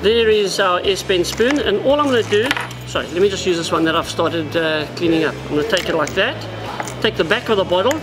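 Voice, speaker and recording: Over background music, a South African man in his forties sits at the wooden counter of an indoor tackle shop and demonstrates fishing gear. His high-pitched voice moves briskly with lively intonation, and he keeps things practical and explanatory, calling his viewers "guys."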